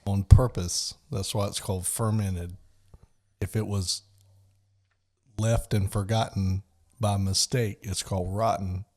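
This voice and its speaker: A man's voice: fairly low pitch, level tone, unhurried, long pauses, darkish tone. A man co-hosting a casual podcast who drops dry wisecracks and laughs at his own jokes. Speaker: podcast co-host. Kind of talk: casual chat.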